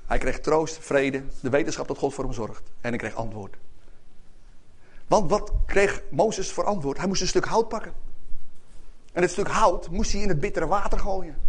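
High-voiced animated man preaching. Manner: animated, calls out to congregation for amens. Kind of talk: sermon.

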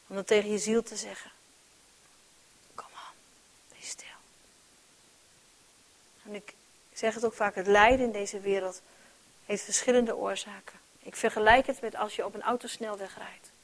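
A woman preaching a sermon with earnest conviction. She moves between soft near-whispers and loud emphatic calls, and repeats words as she restarts. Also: mid-range voice, fairly even intonation, normal speed, pauses often.

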